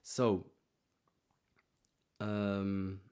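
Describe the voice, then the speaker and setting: Male podcast host, lowish voice, unscripted motivational delivery, halting and repetitive as he finds his words. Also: level tone, warm tone, clear, resonant tone. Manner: halting, repeats words while searching for phrasing. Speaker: martial arts podcast host.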